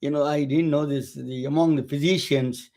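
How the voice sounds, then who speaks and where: A man hosting a webcast, introducing guests in a halting way with many restarts and fillers. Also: a little high, fairly even intonation, darkish tone. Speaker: webcast host. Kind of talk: casual interview introduction.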